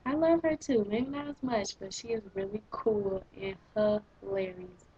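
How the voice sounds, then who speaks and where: A teenage girl in eleventh grade ranting in a casual vlog, sarcastic and exasperated, with a slightly husky voice. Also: medium pitch, a little slow, lo-fi sound. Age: teens. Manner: exasperated, sarcastic, animated complaining. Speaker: vlogger.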